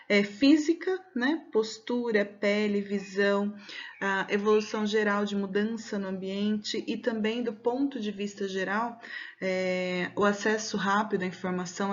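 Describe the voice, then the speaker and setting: A Brazilian woman, a schoolteacher recording a video lesson for children, speaks at a middle pitch. She explains patiently and step by step, stretching words out slowly so the stressed syllable is clear. The sound is a bit dull, like a simple home recording. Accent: Brazilian Portuguese.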